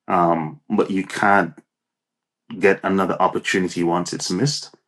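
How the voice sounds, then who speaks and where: With a deep, level, somewhat bright voice and an unhurried pace, this man from Nevis in Saint Kitts and Nevis answers interview questions as an entrepreneur. He's encouraging and conversational, repeating words as he works through his thoughts.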